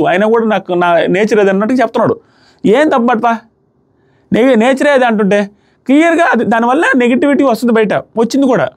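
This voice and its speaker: Guy reviewing a reality show episode, rapid chatty delivery, high voice. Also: a little mellow. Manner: retells scenes with quoted lines, emphatic and conversational.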